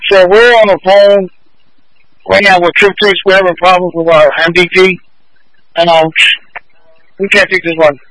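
A man's voice: sits high, flat delivery, moderate pace, long pauses, fairly bright tone, dry recording, poor audio. A man on an ambulance crew calling dispatch over a two-way radio, reporting briefly and matter-of-factly. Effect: heard over a two-way radio.

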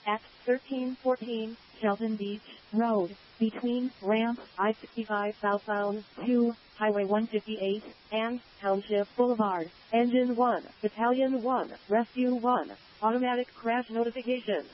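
A woman dispatcher's fairly high voice comes through a police-style two-way radio, muffled, with a faint hiss beneath it. She reads the call in a clipped, even way and repeats it word for word. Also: a little slow, hardly any pauses. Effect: two-way dispatch radio transmission. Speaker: emergency dispatcher.

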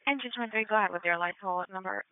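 An emergency dispatcher on a police radio channel, giving terse replies and reading out radio codes briskly. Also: mid-range voice, smooth, dry recording. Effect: crackly police radio transmission. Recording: tinny radio band, dry.

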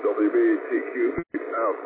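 A man acting as net control on a two-way radio transmission, reading call signs in phonetic alphabet in a procedural way. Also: normal speed. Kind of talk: amateur radio net check-in. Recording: noisy, tinny radio channel.

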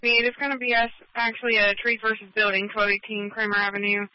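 A woman working as a fire dispatcher, giving clipped, rapid calls over a two-way radio transmission. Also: medium pitch, flat delivery, no echo. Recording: muffled, dry scanner radio audio.

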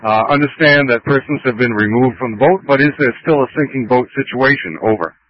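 A man working as a harbor master, talking over a marine radio transmission in halting radio procedure with fillers, signing off with "over". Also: medium pitch, no room sound. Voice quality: halting, careful phrasing ending in "over". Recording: muffled dry radio audio.

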